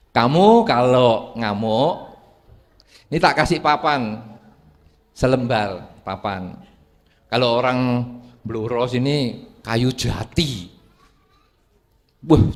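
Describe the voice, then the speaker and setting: A man, a Buddhist monk giving a humorous dharma talk, telling stories and acting out their characters. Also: medium pitch. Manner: lively storyteller, acts out characters. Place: large hall with an audience. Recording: long hall reverb.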